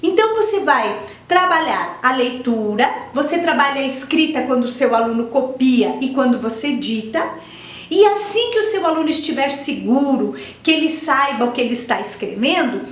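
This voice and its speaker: In an echoey room, a woman with a high voice and lively intonation talks at normal speed to teachers, walking them through advice step by step. Her delivery is explanatory and patient, with repeated points and rhetorical questions.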